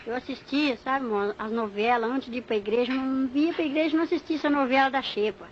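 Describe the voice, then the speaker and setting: A middle-aged Brazilian woman giving a church testimony, telling her story in an animated way and acting out the dialogue. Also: sits high, fast talker. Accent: Brazilian Portuguese. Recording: muffled lo-fi recording with faint room noise.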